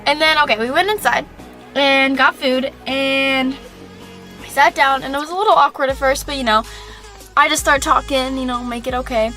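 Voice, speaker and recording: A woman's voice: sits high, normal speed, bright, forceful tone, soft background music. A young woman telling a story on her vlog in a chatty, indignant way, saying "like" often. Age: young adult. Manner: chatty, heavy use of "like". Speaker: vlogger. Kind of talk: casual story-time vlog.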